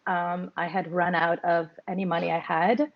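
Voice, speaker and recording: A woman's voice: on the low side, flat delivery, moderate pace, lo-fi sound. A woman singer-songwriter from Morocco, raised in Canada, talking candidly as a guest on a casual show. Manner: candid, reflective, with small laughs and fillers. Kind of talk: casual interview chat.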